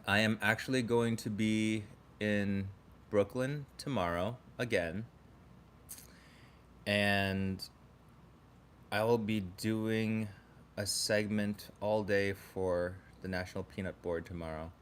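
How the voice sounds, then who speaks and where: A man's voice: on the low side, fairly even intonation, slow pace, long pauses, fairly bright tone, a little hiss or hum. A man hosting a casual livestream from his home, chatting with viewers, reading the chat aloud and laughing often. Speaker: livestream host.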